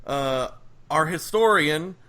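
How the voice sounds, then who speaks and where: A man hosting a casual wrestling podcast, upbeat and jokey with quick asides. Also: fairly high pitch, lively intonation, sharp tone. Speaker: podcast host and critic.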